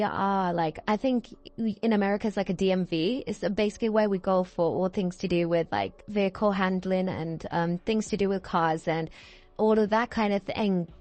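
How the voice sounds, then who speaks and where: A British woman in her early twenties with a mid-range, slightly mellow voice. She's a video creator chatting casually to her viewers over gameplay, rambling and correcting herself as she goes.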